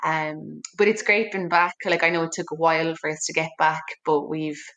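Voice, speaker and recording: A woman's voice: sits low, animated, normal speed, creaky, a bit bright. A young woman with a West Clare Irish accent, a rugby player chatting about her sport in an interview, rambling and chatty over a remote call. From West Clare, Ireland. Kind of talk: casual interview chat.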